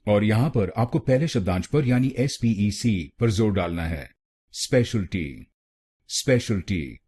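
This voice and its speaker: A man with an Indian accent giving a scripted pronunciation lesson, saying each word slowly and repeating it syllable by syllable. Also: on the low side, expressive, mellow, husky. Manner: slow, repeats words syllable by syllable. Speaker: pronunciation teacher.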